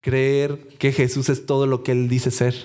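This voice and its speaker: A man's voice: medium pitch, little pitch movement, unhurried, warm tone. A man preaching a sermon, acting out imagined dialogue and asking the congregation questions.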